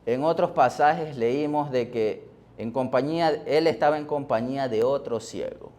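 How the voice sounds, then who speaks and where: A man preaching a sermon as pastor, deliberate, with pauses and fillers, rising in force on key words. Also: mid-range voice, darkish tone. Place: church.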